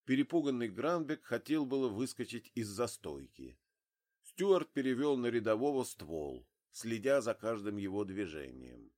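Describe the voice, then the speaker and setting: A man giving dramatic, expressive narration of a thriller audiobook. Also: medium pitch, normal speed. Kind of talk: scripted narration.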